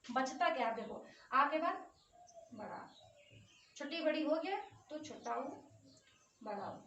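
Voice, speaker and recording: A woman teaches an exam-prep grammar lesson in a high voice. She pronounces each sound aloud, draws out the long vowels and keeps asking whether her students follow. She sits a little back from the mic in an echoey room. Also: fairly bright tone, far from the mic, slight background noise. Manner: drills vowel sounds aloud, stretching long ones, with frequent "ठीक है" check-ins.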